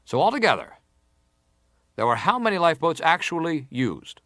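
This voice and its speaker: An actor gives a dramatized reading of hearing testimony, playing a probing, insistent senator who presses every question in formal, interrogating language. His mid-pitched voice has very lively intonation at a moderate pace, recorded dry with no echo.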